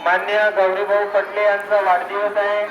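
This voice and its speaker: A man with a Vidarbha Marathi accent making formal public address announcements over an outdoor loudspeaker at a village festival, reading out names one by one. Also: sits high, monotone, normal speed, highs cut off, noisy background. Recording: echoey loudspeaker from far off with crowd.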